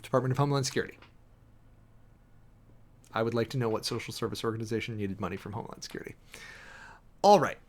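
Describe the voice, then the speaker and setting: Reading formal text aloud, a male streamer and preacher with an average-pitched, darkish voice annotates it as he goes, against slight background noise. His commentary is wry and sardonic, alternating brisk reading with halting, emphatic remarks.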